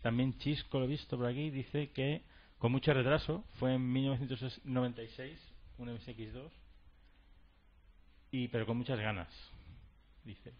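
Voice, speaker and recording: A man's voice: medium pitch, fairly even intonation, moderate pace. A man reading listener chat messages on a podcast, hesitant and unprepared, with many fillers. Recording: dull lo-fi podcast audio.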